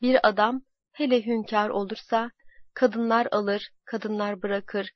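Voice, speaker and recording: A woman narrating a historical story in a slow, dramatic and measured way. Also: medium pitch, steady tone, no room sound. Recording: dull lo-fi dry recording.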